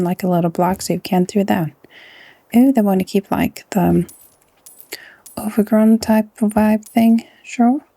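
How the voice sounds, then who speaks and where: Woman, Norwegian accent, casual game commentary, soft half-whispers, mellow tone, dry close sound. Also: mid-range voice, no room sound. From Norway. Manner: chatty, often drops to a soft half-whisper. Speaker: gaming channel host. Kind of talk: casual let's-play commentary.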